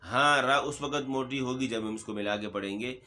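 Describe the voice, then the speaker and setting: A man teaching Quran recitation, briskly and patiently explaining pronunciation rules to learners. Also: mid-range voice, sharp tone.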